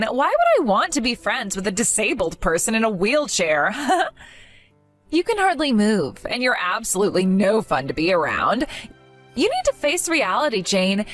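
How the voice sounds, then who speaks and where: A woman's voice: medium pitch, fairly bright tone. Woman doing a sneering two-faced young woman. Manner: mocking, laughs scornfully.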